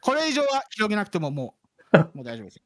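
A man's voice: high voice, wildly swooping pitch, fast. A man from the Kansai region of Japan, a guest chatting casually with many fillers and self-deprecating asides. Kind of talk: casual chat.

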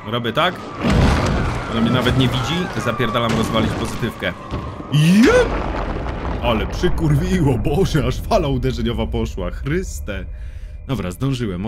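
A young man narrates his horror game play with a lively, swooping voice and constant swearing. He shouts in panic at scares, then drops into low, quiet musing. Game music plays clearly behind him. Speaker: gaming YouTuber. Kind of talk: let's play commentary.

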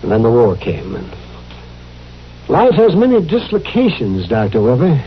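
Fussy old frontier Doc Adams, swooping pitch. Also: male voice, normal speed. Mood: subdued, hesitant. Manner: hesitant, stammering, excitable. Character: fussy, flustered older male frontier town doctor. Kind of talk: 1950s radio western acting. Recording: muffled, hissy old radio recording.

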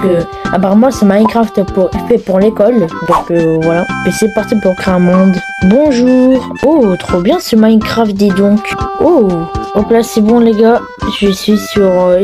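Chatty gaming girl talking to her viewers, game music going behind. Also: mid-range voice. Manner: chatty, addresses viewers as guys, fillers. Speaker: gaming video creator. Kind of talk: casual gameplay vlog.

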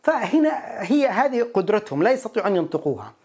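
A man teaching an English pronunciation lesson, explaining each point and repeating words slowly to model them. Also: on the high side, animated, a little mellow, husky.

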